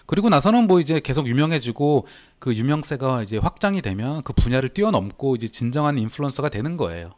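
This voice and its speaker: A man's voice: mid-range voice, big pitch swings, fast, hardly any pauses, darkish tone. A man hosting a casual livestream as a business coach, talking to his chat and reading comments aloud. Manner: chatty, answers live chat, reads comments aloud.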